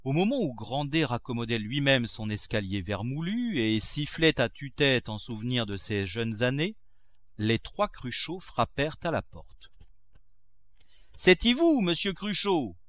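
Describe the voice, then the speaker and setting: A man narrating a classic novel in a measured, expressive way. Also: medium pitch, no echo. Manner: measured, expressive, acts out characters. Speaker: audiobook narrator.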